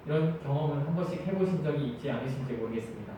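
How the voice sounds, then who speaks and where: A man's voice: medium pitch, racing, dark tone, a little hiss or hum. A man in his twenties preaching a sermon as an evangelist, telling stories earnestly with frequent hesitation sounds. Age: 20s. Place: large church hall. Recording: very echoey church hall, mic far off.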